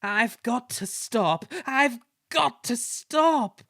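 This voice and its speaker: A lofty, sneering steam engine, voiced by a man reading a storybook aloud. He sounds disdainful and self-satisfied, pitched well above the reader's own voice. The reading is dry and close, with no room sound. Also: expressive, drawn-out words, vocal fry, a bit bright, dry recording, full character voice. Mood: panicked. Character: proud vain male red engine.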